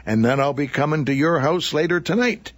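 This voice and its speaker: A man's voice: on the high side, brisk, a little hiss or hum, natural voice. A man playing a jolly old Santa Claus on a radio call-in show, doting on children with hearty ho-ho-ho laughs. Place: radio studio.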